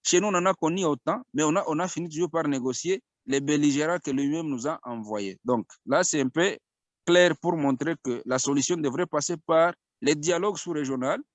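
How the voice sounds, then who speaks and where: A man from the Congo makes his case as a radio interview guest, earnest and argumentative, restarting phrases as he presses on. His voice sits a little high. The sound is dry and close, with no room around it. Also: brisk, no room sound. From Congo (DRC).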